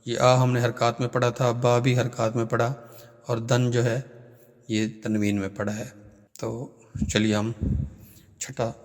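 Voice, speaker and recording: A man with a Pakistani accent teaching Quran reading, spelling out letters and syllables in a slow, sing-song drill. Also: mid-range voice, flat delivery, long reverb tail.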